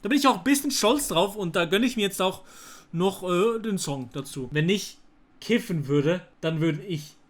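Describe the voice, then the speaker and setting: Excitable young man. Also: sits high, normal speed. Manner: excitable, talks to chat, slangy. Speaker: streamer. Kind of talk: casual gameplay commentary. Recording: faint music underneath.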